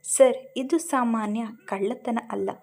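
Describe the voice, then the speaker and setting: A woman reading the lines of a tense young male assistant in a storybook tale, speaking gravely and urgently. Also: on the high side, slow, darkish tone.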